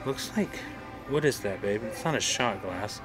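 A man's voice: fairly low pitch, lively intonation, moderate pace, music in the background. Chatty man filming a shop tour. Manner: chatty, points things out as he films. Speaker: vlogger. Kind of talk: casual walk-through vlog. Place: indoor gift shop.

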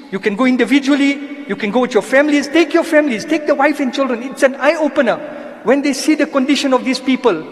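High-pitched preacher in an echoing hall. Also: male voice. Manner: impassioned, appealing to the congregation; sprinkles Arabic religious phrases. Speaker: moulana giving a Friday lecture. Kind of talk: sermon. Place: mosque hall. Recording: long echo of a mosque hall.

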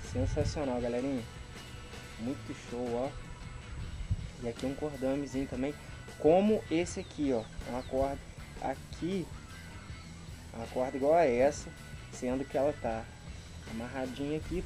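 A Brazilian-accented man in his thirties, a YouTube vlogger, unboxes things outdoors in a rural garden, chatting to camera in an informal, slangy way and exclaiming appreciatively. His voice sits at medium pitch, and the low-quality recording comes from a camera a couple of meters away.

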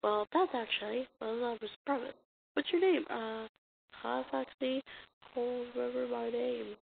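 An amateur comic dubber with a high, gravelly voice reads cartoon dialogue in a dramatic style, stumbling and halting as she goes at an unhurried pace. Her home recording is muffled and lo-fi, with some hiss from the mic.

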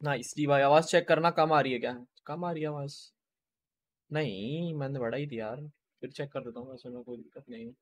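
A man streaming a game, chatting casually with his viewers and greeting them by name, speaking quietly and low-key. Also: a little fast. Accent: Hindi.

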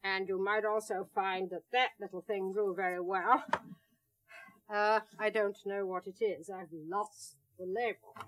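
Slow, wry older woman gardening host. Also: mid-range voice, fairly even intonation, fairly bright tone. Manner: brisk, wry, emphatic, anecdotal. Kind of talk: unscripted televised gardening demonstration. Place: indoor studio set among potted plants. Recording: old 1960s television tape transfer.

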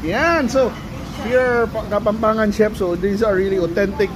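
Filipino guy food vlogging at a buffet, high-ish voice, loud noisy restaurant. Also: normal speed. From Philippines. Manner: chatty, excited exclamations, mixes English and Filipino. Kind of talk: casual buffet walkthrough. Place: busy hotel buffet restaurant, indoors. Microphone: handheld phone camera. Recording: loud restaurant background noise.

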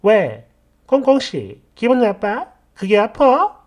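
A woman's voice: huge pitch swings, takes it slowly, darkish tone, heavily acted. A woman voicing a mocking middle-aged female office supervisor who bullies a new employee. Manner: taunting, shrill when angry.

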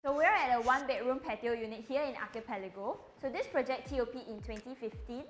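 A woman's voice: a little high, fast, a little hiss or hum. A young Singaporean woman presenting a scripted property home tour to camera. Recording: light music bed behind voice.

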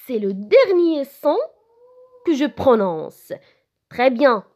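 A woman teacher with a Moroccan French accent speaks to small children in a high voice. Her pitch swoops up and down as she spells letters one by one, very slowly. The recording sounds dull and lo-fi. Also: very animated, a little mellow. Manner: slow, sing-song, spelling letters one by one. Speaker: preschool teacher. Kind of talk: recorded lesson for young children.

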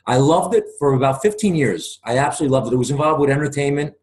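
A man's voice: medium pitch, lively intonation, fast, a little mellow. Man in his forties, earnest and talkative, chatting over a webcam from a room at home, casual video call. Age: 40s. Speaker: guest.

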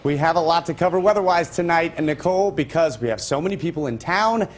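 A man's voice: a little high, fast talker, a little hiss or hum. A male news anchor reading local stories with loose, conversational ad-libs. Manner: loose and conversational between scripted items. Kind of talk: news reading with ad-libbed asides.

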